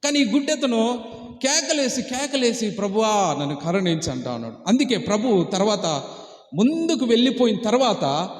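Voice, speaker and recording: A man's voice: extremely high pitch, very animated, moderate pace. A man preaching as a pastor, asking rhetorical questions and urging the congregation to answer aloud. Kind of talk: Telugu sermon on fasting prayer. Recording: echoey church hall reverb.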